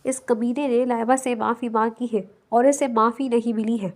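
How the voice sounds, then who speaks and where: A woman's voice: a little high, steady tone, close to an everyday voice. A woman reading the lines of a stubborn, teasing young man in an audiobook novel. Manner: mocking, stubborn.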